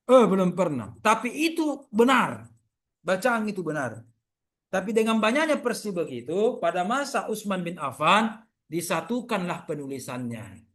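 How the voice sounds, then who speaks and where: A man from the region lecturing over a video call. He talks in a lively way, repeats examples and keeps asking his listeners to agree. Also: high voice, moderate pace. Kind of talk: online university lecture.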